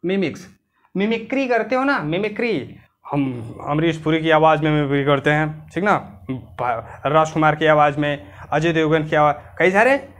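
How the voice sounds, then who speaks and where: A man teaching biology in a casual, chatty way, speaking with an Indian accent, addressing students fondly and slowing down to dictate. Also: on the high side, fairly bright tone. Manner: chatty, calls students "beta", slows right down to dictate English. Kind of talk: casual classroom lecture.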